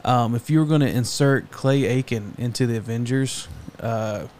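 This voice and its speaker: A man's voice: mid-range voice, moderate pace, darkish tone, a little hiss or hum. A man hosting a casual podcast, playful and teasing, laughing often and joking with guests. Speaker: podcast host.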